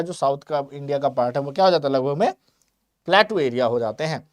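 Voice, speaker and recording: A man's voice: mid-range voice, smooth, no echo, studio quality. Male tutor quizzing his class. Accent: Hindi. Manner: repeats points with quiz-style questions; mixes English terms into Hindi. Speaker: teacher. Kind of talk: exam-prep geography lecture.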